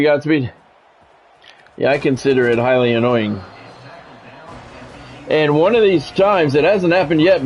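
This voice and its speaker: Heard through dull audio, this man's voice sits on the high side. He's a streamer doing play-by-play of a video game football match, switching between announcer-style calls and dry, grumpy, sometimes profane casual remarks.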